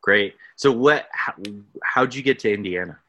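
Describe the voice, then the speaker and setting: A man's voice: mid-range voice, moderate pace, pushed and bright, highs cut off. A man hosting a podcast interview, chatty and self-deprecating, laughing often. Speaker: podcast host. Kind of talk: casual interview.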